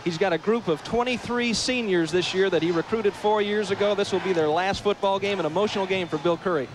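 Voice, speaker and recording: A man offers live football analysis in a high-pitched voice. Clear outdoor stadium noise runs behind his commentary. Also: fairly quick. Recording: noisy outdoor stadium broadcast.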